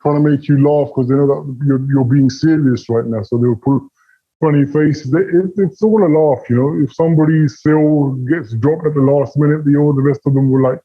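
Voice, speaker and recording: A man's voice: on the high side, steady tone, a little fast, muffled recording. A man with a British accent giving casual, rambling interview answers over a video call, full of fillers and repeats. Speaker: interview guest, former call center scammer.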